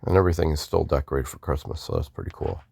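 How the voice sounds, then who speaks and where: A man's voice: rumbling low, very animated, racing, gravelly, a little mellow, husky, dry recording. A man casually talking through a video game playthrough, mumbling offhand asides and restarting words. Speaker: gamer doing a playthrough. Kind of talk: casual gameplay commentary.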